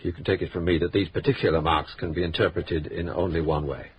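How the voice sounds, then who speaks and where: An actor in his fifties playing a shrewd, urbane police inspector in a radio drama, measured, dry and courteous. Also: low voice, steady tone, breathy edge, lo-fi sound. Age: 50s.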